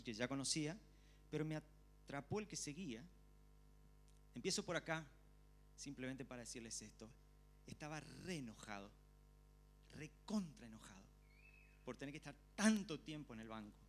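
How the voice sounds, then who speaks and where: A man with an Argentine accent preaching a church sermon, telling a personal story with lively, acted-out reactions. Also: fairly high pitch. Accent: Argentine Spanish. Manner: animated storytelling, acting out his own past reactions.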